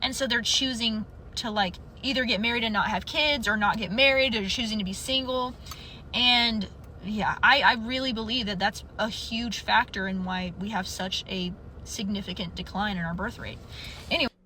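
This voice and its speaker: A woman's voice: mid-range voice, moderate pace, slight background noise. A young woman casually telling a story from her customer service job, acting out the people in it. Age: young adult. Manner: animated retelling, acts out quotes. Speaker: storyteller in a clip.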